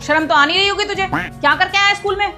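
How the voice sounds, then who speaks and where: A woman's voice: very high-pitched, fast, pushed and bright, faint music behind, full character voice. A woman playing a short-tempered mother who scolds her son in a family comedy sketch. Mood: scolding. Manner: nagging, scolding. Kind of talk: comic family sketch acting.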